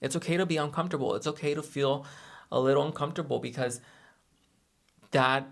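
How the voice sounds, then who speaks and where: A man's voice: mid-range voice, fairly quick, gravelly. A man hosting a reaction segment, talking in a casual, conversational way with emphatic opinions.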